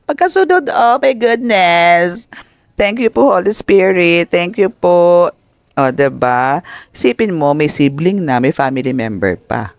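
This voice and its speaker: Man, tarot reader talking to viewers; gravelly, dry close sound, expressive and polite. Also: medium pitch, no echo. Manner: polite, addresses viewers with respectful terms; mixes English phrases into speech. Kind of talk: tarot reading talk to viewers.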